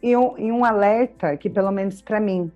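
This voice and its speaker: A woman's voice: medium pitch, normal speed, a little mellow, muffled recording, soft background music. A woman in her thirties with a Brazilian Portuguese accent, co-hosting a podcast in casual chat, explaining with everyday examples and frequent tag questions. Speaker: podcast co-host.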